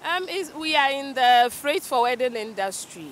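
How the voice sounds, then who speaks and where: A middle-aged Ghanaian woman talks unhurriedly with a Ghanaian accent, her voice pitched high. She speaks into a handheld mic outdoors by the sea, with faint noise behind her. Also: animated, normal speed. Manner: speaks unhurriedly, mixes English with Twi. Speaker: clearing agent guest. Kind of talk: casual interview. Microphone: handheld mic held by interviewer.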